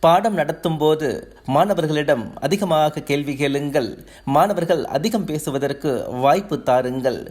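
A man with a slightly higher voice reads a teachers' guidebook aloud. His delivery is calm, measured and instructive, like an audiobook. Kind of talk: measured audiobook reading of advice.

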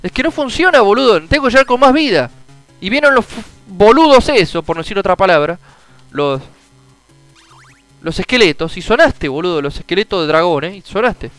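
A young man with a Rioplatense Spanish accent talks over his gameplay in a clear, resonant voice that sits high and leaps all over the place. He grumbles, swears and suddenly shouts in frustration. Faint game music plays behind him. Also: lively intonation, normal speed, no room sound, poor audio. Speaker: gameplay streamer. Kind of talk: casual gameplay commentary.

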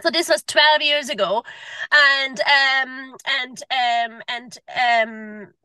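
A woman's voice: high-pitched, fairly even intonation, slow pace, sharp tone, clean tone, no echo. A woman in her forties, originally from Hungary, chatting in a video-call interview from a parked car, full of fillers and repeated words. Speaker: guest, permanent makeup artist. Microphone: video call from a phone.

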